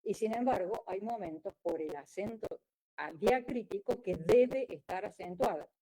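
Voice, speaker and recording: Lady geologist giving a talk, warm low-key tone, wry, keeps restarting her words. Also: normal speed, rough recording. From Argentina. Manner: explanatory, wry, with frequent restarts. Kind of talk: conference lecture.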